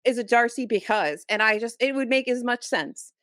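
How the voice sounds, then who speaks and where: A woman's voice: fairly high pitch, moderate pace, dry recording. Ranting woman on a close podcast mic. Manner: animated, exasperated ranting with many restarts. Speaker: podcast co-host. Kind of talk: casual chat.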